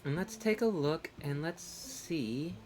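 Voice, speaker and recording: A woman live-streaming a game, animated and joking, often scolding chat and stumbling over repeated words. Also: deep voice, slow pace, slight background noise. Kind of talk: casual live-stream chat while playing.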